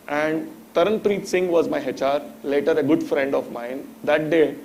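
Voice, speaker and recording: This Indian-accented guest in his thirties has a somewhat high, creaky voice with a darkish tone, and a faint hiss or hum sits under the recording. His motivational talk is didactic, built on stories and rhetorical questions.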